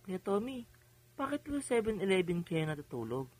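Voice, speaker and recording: A man's voice: high voice, very animated, moderate pace, slightly rough, heavily acted, low-quality recording. A man voicing a shy, tearful young boy. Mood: curious. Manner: polite, hesitant, softly upset. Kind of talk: audio drama acting.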